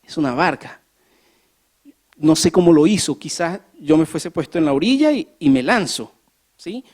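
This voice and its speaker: Preacher mid-sermon, animated storyteller, rhetorical questions to the congregation. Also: medium pitch, moderate pace. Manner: acts out scenes with rising emphasis. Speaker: pastor. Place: church.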